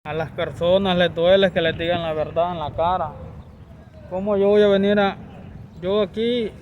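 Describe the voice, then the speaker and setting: A young man from Honduras speaks with a Honduran Spanish accent and a high voice. He lectures his viewers insistently, circling back to the same points again and again. Faint street and car noise hums behind him outdoors. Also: steady tone, moderate pace, lo-fi sound. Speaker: vlogger. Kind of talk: opinion rant to camera.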